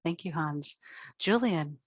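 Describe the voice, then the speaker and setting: A woman's voice: deep voice, lively intonation, slow pace, slightly rough, dry recording. A woman moderating an online panel. She reads a prepared introduction and then calls on each panelist in turn. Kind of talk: scripted introduction then hosting. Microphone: video call.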